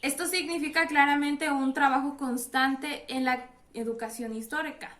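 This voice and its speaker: High, bright-voiced woman moderating, echoey room. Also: fairly even intonation, normal speed. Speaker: moderator of a panel discussion. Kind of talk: scripted presentation, formal.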